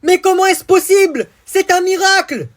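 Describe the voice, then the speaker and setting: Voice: very high-pitched, moderate pace. A performer voicing a frantic male TV football commentator calling goals in a comedy sketch. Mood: excited.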